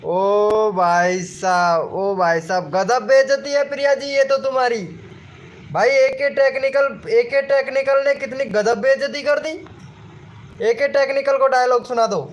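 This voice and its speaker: A man chatting live with viewers, reading their comments and egging them on, repeating himself with excitable energy and calling everyone brother. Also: very high voice. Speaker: live streamer.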